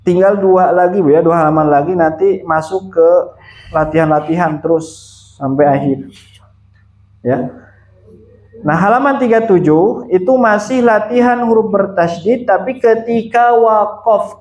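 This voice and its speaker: In an echoey room, a man with a high-pitched, darkish voice teaches Quran recitation one-on-one, the highs cut off in the recording. He patiently repeats and demonstrates pronunciations for his student.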